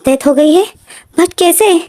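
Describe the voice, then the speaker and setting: Woman voicing a young man, emotional and protective, pitched high and mellow, pleading lines. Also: moderate pace, close to an everyday voice. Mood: distressed.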